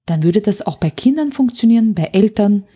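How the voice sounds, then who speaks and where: Animated and a little fast, this woman talks in a mellow, mid-range voice that is slightly rough. She is an anger coach and podcast guest, explaining emphatically with vivid examples in a conversational interview.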